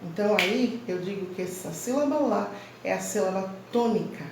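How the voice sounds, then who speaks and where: A woman teacher giving a slow, emphatic grammar lesson to children, stressing each syllable clearly. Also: medium pitch, lively intonation, recorded from a distance, background noise. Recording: very echoey room, voice from off-mic.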